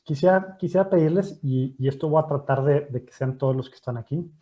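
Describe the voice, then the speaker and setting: A man's voice: a little high, a little fast, muffled recording. Jokey man hosting a panel. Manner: jokey and lively, often repeats words. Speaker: host and moderator of a panel. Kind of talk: hosting a video-call panel discussion. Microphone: video call.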